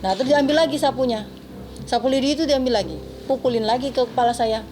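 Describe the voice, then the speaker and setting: A woman's voice: sits high, quick pace, warm tone, slight background noise. A woman, a former housemaid, recounting events in detail at a press conference, her voice close to tears.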